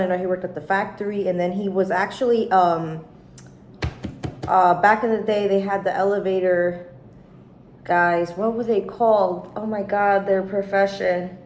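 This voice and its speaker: In a home kitchen, a cooking vlogger in her thirties talks candidly and swears freely as she cooks and chats. The low-quality recording is reverberant with a little hiss or hum, and her voice sits on the lowish side.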